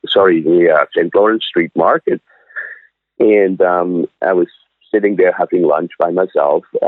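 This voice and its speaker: An older man in his sixties, born in Switzerland, tells his story in a halting way full of restarts. His voice sits very low. The sound comes through a thin, tinny phone line with no room around it. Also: no room sound. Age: 60s. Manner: halting, many fillers and restarts. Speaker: cafe owner, guest. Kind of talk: casual interview storytelling.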